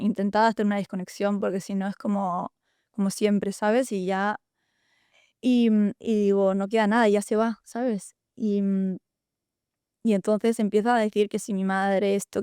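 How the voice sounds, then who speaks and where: Young woman, halting, confiding, dry close sound. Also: mid-range voice, darkish tone, clear, resonant tone, no room sound. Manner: halting and confiding, many restarts and "¿sabes?". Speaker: podcast host. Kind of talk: personal storytelling in a podcast conversation.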